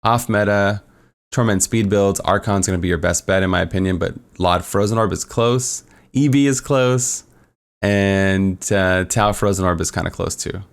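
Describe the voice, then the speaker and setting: A gaming content creator with a deep, smooth voice casually walks through a game build tier list at a moderate pace. He's upbeat and rambling, full of fillers, and his voice sounds a little worn because he's losing it.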